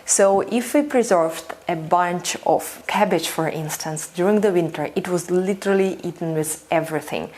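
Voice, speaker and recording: A woman from Russia with a low, darkish voice runs a fermentation channel and teaches home fermentation to camera. She talks at a normal speed with few pauses, enthusiastic and conversational, and she keeps dropping in "you know."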